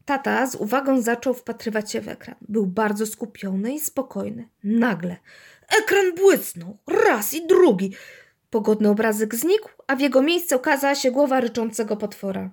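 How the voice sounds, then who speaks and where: A woman narrates a children's story with lively expression. Her voice sits a little higher than most women's. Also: a little fast, vocal fry, few pauses.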